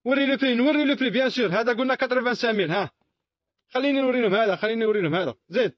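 A man with an Algerian Arabic accent working as a shop salesman, pitching products in a repetitive, insistent patter full of exclamations. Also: rapid-fire. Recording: dull lo-fi recording.

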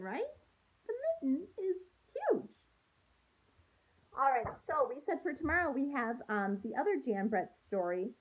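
Recorded in a small room at home, a young adult woman reads a picture book to kids with expression, pausing for simple questions. Her fairly high voice is husky, and the recording's highs are cut off.

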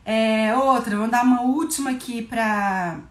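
A woman with a Brazilian Portuguese accent teaching parents simple English words in a casual video, with lively, playful demonstrations. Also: a little high, unhurried, roomy sound.

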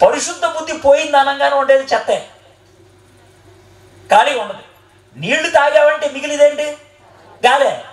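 A man with a very high voice preaches a sermon to a live audience. He quizzes his listeners and jokes with them as he teaches. His voice rings around a roomy hall. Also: animated, normal speed, pauses often.

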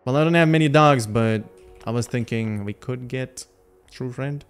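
A man streams a game, thinking out loud and talking to his chat in a relaxed, chatty way. His voice sits at a middling pitch, with faint game music playing behind him. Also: moderate pace, smooth. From Lithuania. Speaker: gaming livestreamer. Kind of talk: casual gameplay commentary.

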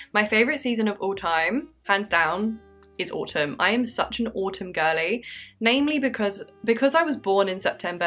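A woman's voice: on the low side, fairly bright tone. An English woman of twenty-six, chatting upbeat and apologetic while answering viewer questions in her bedroom, her throat a little dry. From England. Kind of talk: casual Q&A vlog. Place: bedroom with candles.

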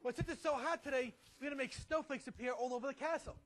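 A man's voice: very high voice, quick pace, a bit bright. A man performing as a clown magician at a kids' show, rallying children to chant along like a party magician. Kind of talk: kids party magician patter. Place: small indoor studio stage. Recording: noisy stage recording.

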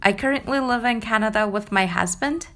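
A young woman from Japan with a Japanese accent, narrating her knitting vlog in a calm, gentle, chatty way; English is not her first language. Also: a little high, a little fast, faint music behind. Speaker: knitting vlogger. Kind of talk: voice-over narration.

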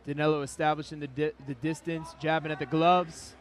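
High-pitched American male color commentator. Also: flat delivery, fairly quick. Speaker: color commentator and former fighter. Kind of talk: casual live fight analysis.

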